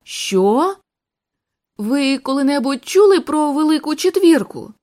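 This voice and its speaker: A woman's voice: high voice, very animated, measured pace, a little mellow. A woman reading the part of a shaken young man just freed from captivity, speaking in an anguished, faltering way.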